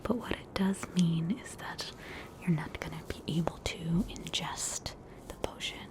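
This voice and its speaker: An Australian woman with a low-pitched voice whispers an ASMR roleplay as a soothing, faintly haughty witch doctor, heard through a low-quality recording. Her manner is slow and reassuring, like a calm bedside presence.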